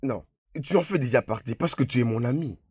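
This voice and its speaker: An actor voices a stubborn, self-centered married man in a dubbed drama. His husky voice is recorded dry and close, and he talks in a demanding way. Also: medium pitch, brisk, darkish tone, no echo, natural voice. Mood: insistent. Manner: insistent, demanding.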